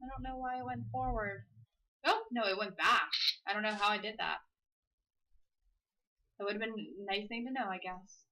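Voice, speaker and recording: A woman's voice: mid-range voice, sharp tone, poor audio. A woman playing through a visual novel, reading its text aloud and joking about it between lines. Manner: playful, drawls dialogue slowly for comic emphasis. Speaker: let's play host.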